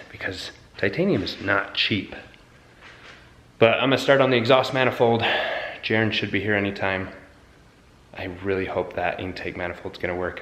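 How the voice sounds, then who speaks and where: A man hosting a casual garage vlog, talking excitedly to the camera as he works on a car build. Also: deep voice, echoey room. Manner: excited, chatty, talks to camera while working on the car. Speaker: car builder and channel host.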